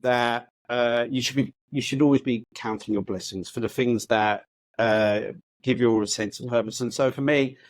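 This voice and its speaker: In a dry recording, a medium-pitched male voice holds a steady tone at moderate pace. He's a housing organisation chief executive in his fifties, raised in the UK, speaking upbeat and reflectively as a podcast guest while often hesitating and restarting.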